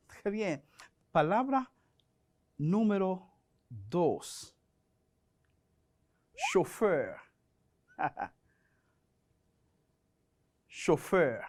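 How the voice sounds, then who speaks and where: Dominican man, French teacher, slow and deliberate delivery, animated intonation. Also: high voice. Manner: slow, deliberate, models pronunciation. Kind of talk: educational broadcast lesson.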